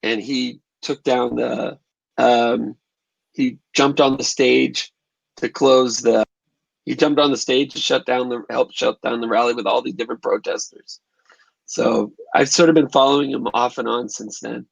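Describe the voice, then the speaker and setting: Male filmmaker guest, gravelly, dry, thoughtful conversational delivery. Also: mid-range voice, steady tone, unhurried, no echo, low-quality recording. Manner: thoughtful, restarts phrases while recalling events. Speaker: documentary filmmaker and photographer. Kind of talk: conversational interview answers.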